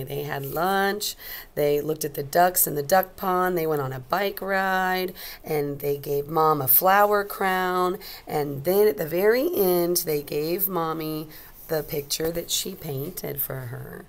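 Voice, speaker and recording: A low-pitched woman teacher reads aloud from a storybook to young kids with expression, taking pauses to explain and ask easy questions.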